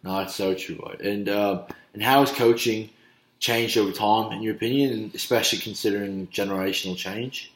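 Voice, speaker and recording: A young man with a lowish voice runs a casual interview and chimes in often with quick affirmations. He is recorded on a laptop webcam in a small room that echoes. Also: fairly even intonation. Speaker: interviewer, coach. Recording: roomy webcam audio.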